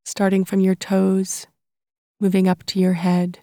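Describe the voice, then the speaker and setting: Soft, mellow woman guiding a calm meditation. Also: mid-range voice, no echo, clean studio sound. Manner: calm, soothing, unhurried, long pauses between phrases. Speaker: guided meditation narrator. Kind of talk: guided body-scan meditation narration.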